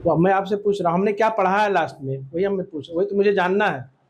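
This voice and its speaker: In a muffled recording, a high-pitched man with a breathy edge teaches a class on Islamic law. He questions students, repeatedly confirms they agree with him, and slips English words into his speech.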